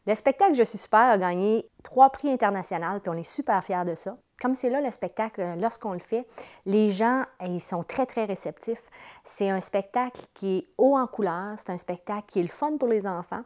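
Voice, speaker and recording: A woman's voice: mid-range voice, normal speed, darkish tone. A woman with a Quebec accent enthusiastically explaining her children's show in a promotional interview. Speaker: children's entertainer, company president.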